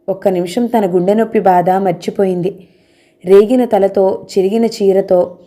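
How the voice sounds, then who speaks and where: A woman reads a romance novel aloud as its narrator. Her delivery is steady and measured, and her tone is mellow at a middle pitch. Every line is plainly told.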